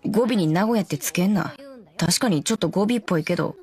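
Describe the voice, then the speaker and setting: A woman's voice: lowish voice, animated, fast talker. Straight-man role: a blunt Kansai woman, snappy comebacks, faint music behind. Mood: scolding. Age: adult. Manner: sharp retorts, straight-man scolding. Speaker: commentary co-host. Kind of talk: in-character anime commentary.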